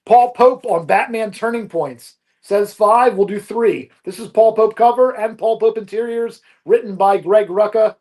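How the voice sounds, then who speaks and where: A man selling comic books during a live auction stream, with upbeat, brisk salesman patter. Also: high voice, darkish tone.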